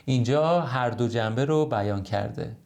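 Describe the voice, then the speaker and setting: Male language teacher, mellow voice, explains patiently, models words slowly. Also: mid-range voice. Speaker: English teacher.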